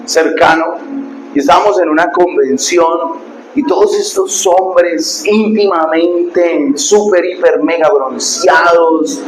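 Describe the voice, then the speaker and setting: A man pastor, preaching a sermon and telling stories, dropping to hushed asides and rising to loud preaching. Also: a little high, takes it slowly. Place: church hall. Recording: echoey hall with background noise.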